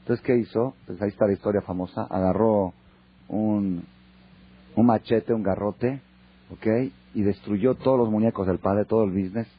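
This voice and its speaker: A man with a Mexican accent, a rabbi teaching a Torah class in a lively storytelling way. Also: fairly low pitch, moderate pace, breathy edge. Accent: Mexican Spanish. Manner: lively, acts out dialogue. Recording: dull lo-fi recording.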